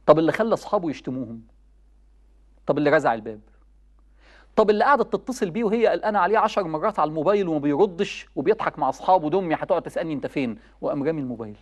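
A woman's voice: low-pitched, a little mellow. A young woman with an Egyptian accent giving an impassioned religious talk, pleading with young people in the audience. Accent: Egyptian Arabic. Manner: impassioned, pleading, addresses the youth directly. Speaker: preacher.

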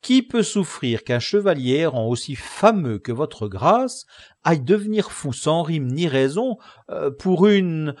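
A simple, loyal squire who gets excited and pleads, his voice jumping up high. He talks slowly, and the sound is dry and close, as a man puts him on in an audiobook. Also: dry recording. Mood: indignant. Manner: excitable, pleading, higher and brighter. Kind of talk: audiobook character reading.

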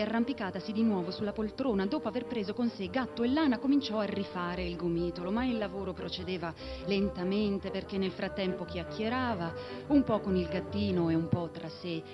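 A woman narrating a storybook reading in a gentle, measured way. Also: mid-range voice.

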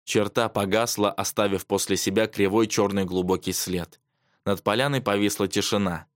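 A man reading a children's adventure story aloud as narrator, measured and even. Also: fairly low pitch, no echo, studio quality. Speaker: audiobook narrator. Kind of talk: scripted narration.

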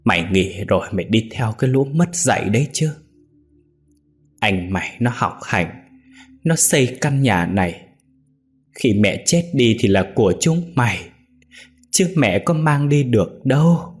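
A frail old mother, voiced by a male storyteller, her words thin, trembling and breathless as she begs. She pleads with her cruel son in a storybook reading, her voice rising high with distress over a faint music bed. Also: expressive, a little slow, pauses often. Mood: tearful.

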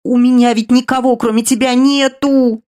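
A woman voicing a frantic younger sister in a storybook reading, pleading, sobbing and rambling in a raised, higher voice. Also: lively intonation, a little fast, darkish tone, lightly acted. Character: frantic teenage younger sister, tearful and guilty.

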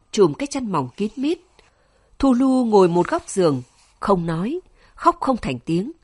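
A woman narrating a novel with an expressive, emotional reading. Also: lowish voice, breathy edge. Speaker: audiobook narrator.

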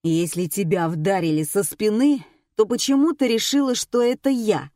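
A woman's voice: medium pitch, normal speed, mellow, dry recording, studio quality, close to an everyday voice. Woman voicing a curt irritated man. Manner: curt, defensive. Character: irritated middle-aged man.

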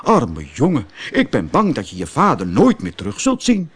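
A man doing a kind, gentle storybook dolphin. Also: medium pitch, wildly swooping pitch, moderate pace, husky. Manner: kind, sympathetic. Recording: music playing behind.

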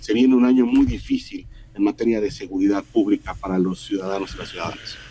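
A man's voice: on the low side, fairly even intonation, fast, mellow, poor audio. A middle-aged man from Mexico giving earnest weekly political commentary in a radio interview, often repeating words as he builds his point.

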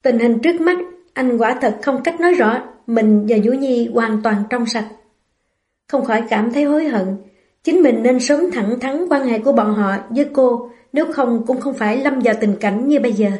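Woman narrating a novel, mellow voice. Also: on the high side, moderate pace. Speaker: audiobook narrator.

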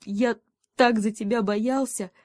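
A woman voicing a timid, kind little male hare who speaks high and excitable. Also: slow pace, dry recording, clean studio sound. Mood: overjoyed.

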